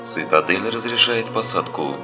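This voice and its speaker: A man reading an audiobook voices a male starship pilot making a crisp announcement over the ship's intercom, sounding distant. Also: on the low side, normal speed, music in the background, voice pushed up. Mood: businesslike. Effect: distant ship intercom voice. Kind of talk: audiobook narration.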